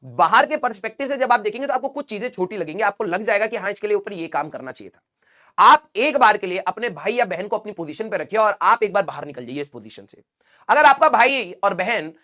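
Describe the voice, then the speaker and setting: A man's voice: sits high, bright, forceful tone. A young man teaching, giving an earnest motivational talk to exam students and checking in with them often. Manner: earnest, addresses students as beta, frequent "theek hai?".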